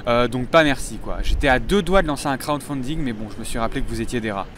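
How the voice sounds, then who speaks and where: A man's voice: mid-range voice, quick pace, a bit bright, a little hiss or hum. A young French man with a French accent, delivering a mock-serious, self-mocking comic monologue outdoors on a city street. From France. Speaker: comedy vlogger.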